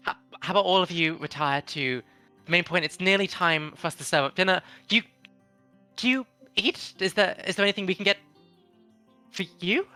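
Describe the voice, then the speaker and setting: A woman's voice: lowish voice, bright, forceful tone, pitched above the performer's own voice. A woman voicing a prim, flustered young female ship attendant who talks politely and stammers.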